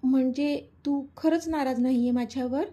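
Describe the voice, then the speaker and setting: A woman's voice: sits high, fairly even intonation, moderate pace, mellow. A woman voicing an emotional, stubborn young woman who pleads insistently, in a storybook reading. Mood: pleading.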